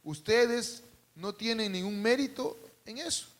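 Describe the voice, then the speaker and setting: A man preaching a sermon to a congregation, calling out for responses, adding humorous asides, and swinging between loud and hushed. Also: high voice, expressive, a little slow. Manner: calls out to the congregation and asks for responses. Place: church service.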